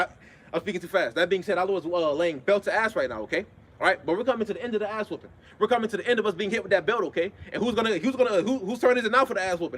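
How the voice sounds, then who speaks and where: A man's voice: sits high, a bit bright. A man preaching an informal sermon in blunt street talk with frequent swearing. He keeps checking in with his listeners and repeats his points with emphasis. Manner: emphatic and repetitive, constant "all right?" check-ins. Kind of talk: informal sermon with scripture readings.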